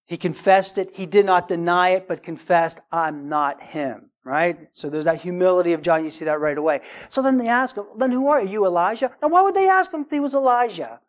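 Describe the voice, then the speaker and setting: A middle-aged man preaching a sermon, emphatic, his voice rising high and loud to stress points. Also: brisk, hardly any pauses. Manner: emphatic, rising in pitch and volume for stress, acts out quoted voices. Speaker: pastor.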